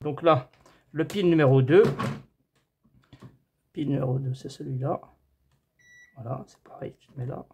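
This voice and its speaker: A man's voice: mid-range voice, a little slow, long pauses, warm tone, a little hiss or hum. A man giving a casual hands-on TV repair tutorial, chatting to viewers as friends and thinking aloud as he measures. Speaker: TV repair technician.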